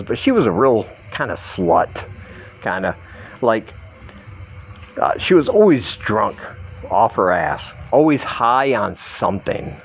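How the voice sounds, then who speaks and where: Middle-aged American male vlogger, mildly drunk, unhurried and rambling, joking at his own expense, dull lo-fi recording. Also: on the low side, a little hiss or hum. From Michigan, United States. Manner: halting, self-deprecating, joking. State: slightly drunk. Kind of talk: rambling comic monologue to camera.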